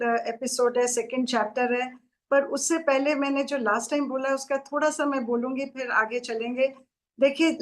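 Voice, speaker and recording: Female devotional speaker, slightly high voice, reverent and measured, explains a sacred book. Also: a bit bright. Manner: reverent, measured, with thankful greetings. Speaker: spiritual book reader and explainer.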